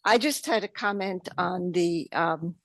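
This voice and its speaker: A woman with a New York accent giving public comment at a township meeting, halting with many fillers and restarts. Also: lowish voice, a bit bright, dry recording.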